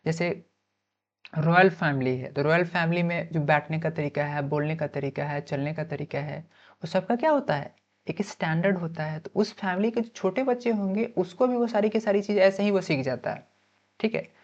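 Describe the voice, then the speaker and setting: A woman's voice: lowish voice, normal speed, muffled recording. A woman teaching an exam-prep lesson. She explains by asking and answering her own questions, checks in often, mixes in English terms and spells words out letter by letter.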